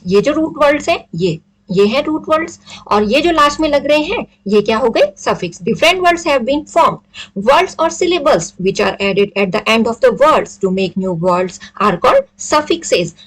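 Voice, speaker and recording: A woman's voice: on the high side, low-quality recording. A woman with an Indian accent explaining an English vocabulary exercise to students, mixing Hindi and English and answering her own questions. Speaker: English teacher.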